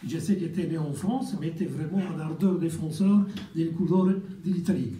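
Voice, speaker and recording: A man with an Italian accent giving a formal ceremony speech as a community representative, halting and repeating words. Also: fairly high pitch, warm tone. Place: ceremony hall. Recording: echoey hall, from far off, faint noise.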